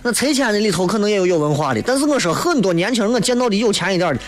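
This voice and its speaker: A man's voice: high-pitched, animated, rapid-fire, faint music behind. A man with a Shaanxi accent delivering a colloquial, opinionated monologue as a talk show host, often throwing out rhetorical questions.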